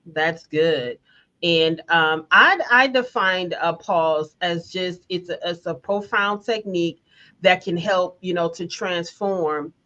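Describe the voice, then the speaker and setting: Woman, session facilitator, encouraging, lower voice, muffled livestream sound. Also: takes it slowly. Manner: warm, encouraging, reads viewer comments aloud. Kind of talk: guided group session on a live stream. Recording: dull lo-fi stream audio.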